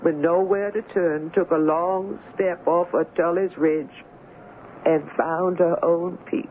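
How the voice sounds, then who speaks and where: An actress playing a gentle, sorrowful older woman servant, speaking in dialect in an old radio play. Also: lowish voice, fairly even intonation. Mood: grave. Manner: dialect speech, slow and tender. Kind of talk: 1940s radio acting. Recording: tinny old radio broadcast with faint hiss.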